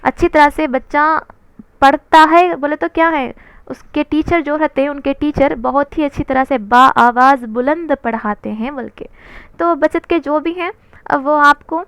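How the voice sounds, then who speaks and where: A woman's voice: high-pitched, fairly bright tone, dry recording. A woman teaching an exam-prep lesson, asking questions and answering them herself, with English terms mixed in.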